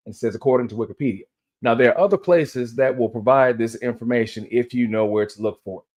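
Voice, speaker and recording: A man hosts with casual commentary and reads aloud, his mid-range voice quick and a little mellow. He has dental aligner braces in, which slightly impede his articulation, and he sometimes stumbles over words and corrects himself.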